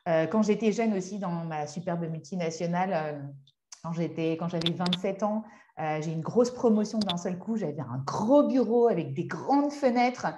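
Lowish-voiced woman giving a workshop talk. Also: expressive, warm tone, a little hiss or hum. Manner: conversational, halting, searching for words. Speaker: speaker and hypnotherapist.

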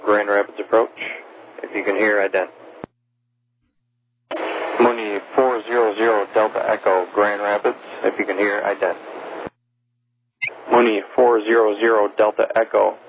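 Casting: male approach controller, flat intonation, formal radio calls on a narrowband channel. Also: on the low side, moderate pace, pauses often. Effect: radio transmission. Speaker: air traffic controller. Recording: tinny narrowband radio with faint static.

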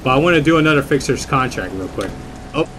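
A man's voice: mid-range voice, lively intonation, fast, a bit bright, a little hiss or hum. A young man giving casual, rambling gameplay commentary, often repeating his phrases. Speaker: gamer, video host. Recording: game music under the voice.

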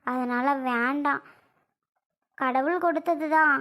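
A woman acts out a young wife who already has twin babies and is pregnant again. Her voice sits very high and sounds whiny and close to tears as she pleads. She speaks in the style of a homemade family skit. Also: slow pace, a bit bright. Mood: worried. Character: young tearful pregnant wife, mother of twins. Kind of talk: Tamil family skit acting.

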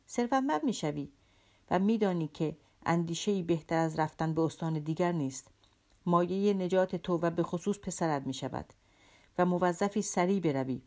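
An earnest young man full of goodwill, read aloud in an audiobook by a woman. He presses his help warmly and insistently, in a low, steady voice. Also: close to an everyday voice. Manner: warm, insistent reassurance. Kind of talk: audiobook character reading.

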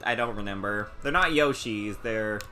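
A man's voice: fairly low pitch, normal speed, bright, forceful tone, soft background music. A man casually commenting while streaming a game, rambling with lots of restarts. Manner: rambling, many fillers and restarts. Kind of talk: casual let's-play commentary.

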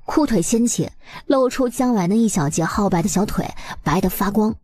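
A woman's voice: mid-range voice, lively intonation, normal speed, dark tone, breathy edge. A woman narrating a webnovel story expressively, in a colloquial, dramatizing storyteller's manner.

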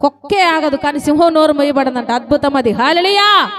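A woman preaching a sermon to a congregation, lively and constantly asking them questions and calling for answers. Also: high-pitched, a little fast. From South India.

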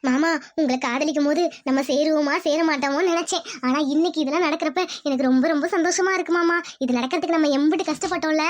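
A woman's voice: sits high, quick pace, hardly any pauses, close to an everyday voice. A woman voicing a young village bride in a cartoon, tender, pleading and emotional. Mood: excited. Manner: pleading, emotional, calls her fiancé uncle-sweetly. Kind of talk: cartoon voice acting.

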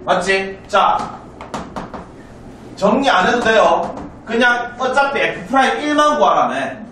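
This South Korean math teacher has a high-pitched, bright, forceful voice with lively intonation, and there's slight background noise. Lecturing in a spacious classroom far from the mic, he stays brisk and chatty, frequently asking students if they're keeping up.

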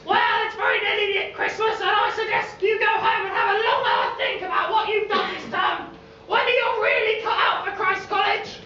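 A woman playing a shrill, camp pantomime dame, a scolding college tutor, on stage. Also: huge pitch swings, moderate pace, bright, forceful tone, shouting, lo-fi sound, a faint crowd, exaggerated voice. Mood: scolding, haughty. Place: on stage in a theatre hall. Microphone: distant camera in the audience. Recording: echoey theatre hall from far off, hissy.

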